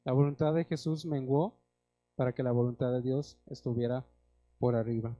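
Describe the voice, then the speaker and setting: A young man with a Mexican accent preaching a sermon, earnest, calling the congregation brothers and rising loud when he reads scripture. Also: medium pitch, level tone, normal speed, dry recording, dull audio.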